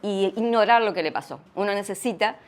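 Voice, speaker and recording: Earnest Argentine woman giving a testimony. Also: medium pitch. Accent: Argentine Spanish. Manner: reflective, earnest, with frequent pauses and restarts. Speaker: guest speaker sharing testimony. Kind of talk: church testimony talk.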